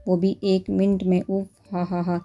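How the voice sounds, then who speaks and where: A woman's voice: mid-range voice, monotone, mellow, dull audio, soft background music, natural voice. A woman reading a storybook novel, voicing a bold, playful young woman doctor who teases. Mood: teasing. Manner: teasing, cheeky.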